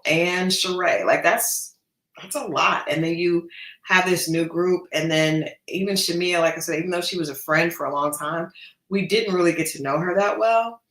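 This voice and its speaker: Lower-voiced woman in an echoey room. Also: fairly bright tone. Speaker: host of a gossip show. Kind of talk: casual trailer commentary. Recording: echoey, reverberant room sound.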